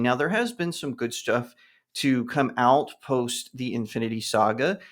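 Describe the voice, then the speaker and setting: A man talking casually to camera, giving his opinions on films and telling an anecdote in an animated way. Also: mid-range voice. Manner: animated storytelling, acts out other people with a raised voice. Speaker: YouTube commentator.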